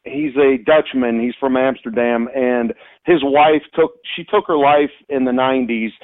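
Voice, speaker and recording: A man from Kentucky calling in to a radio talk show, explaining a topic in a halting way with frequent restarts and fillers, heard over the phone line. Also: mid-range voice. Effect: phone line call-in voice. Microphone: telephone. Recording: tinny phone line, dry.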